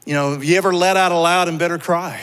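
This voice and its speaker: A man's voice: high-pitched, steady tone, fast talker, a bit bright, smooth. A male pastor preaching a sermon in a church, talking conversationally and asking his listeners rhetorical questions. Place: church sanctuary. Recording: long church hall reverb.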